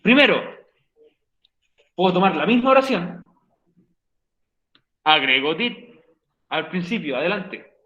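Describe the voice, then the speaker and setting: A high, bright male teacher explains grammar to his online class, teasing students and repeating each rule. The sound is roomy, with a dull, lo-fi stream quality. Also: sing-song, slow pace, long pauses. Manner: playful, joking with students; repeats key points for the class. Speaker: English teacher.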